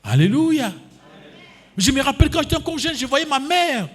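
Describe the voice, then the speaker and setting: A man's voice: extremely high pitch, very animated, normal speed, a bit bright. A pastor in his fifties with a Congolese French accent, preaching a sermon that he punctuates with alleluias and amens and mixes with Lingala. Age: 50s.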